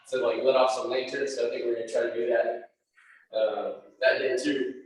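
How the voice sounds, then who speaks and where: A man's voice: mid-range voice, flat delivery, normal speed. A man leading a live workout class, counting down reps and calling out encouraging cues. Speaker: fitness instructor. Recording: echoey room, distant mic, faint noise.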